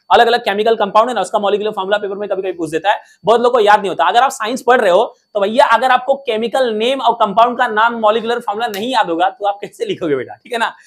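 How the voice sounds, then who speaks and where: Energetic and jokey, this high-voiced male teacher fires call-and-response questions at his students. His lesson is full of gags, rhymes, and memory tricks.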